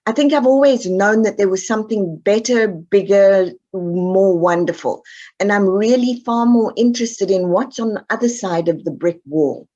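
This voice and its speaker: Podcast guest: South African woman, direct and emphatic, average pitch, muffled audio. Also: moderate pace, warm tone. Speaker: guest expert. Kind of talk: podcast interview.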